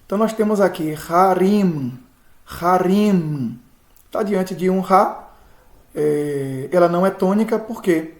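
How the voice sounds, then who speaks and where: A man, a pastor teaching Biblical Hebrew in a recorded lesson, patient, repeating words slowly and checking in often with his students. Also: high voice. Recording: echoey room.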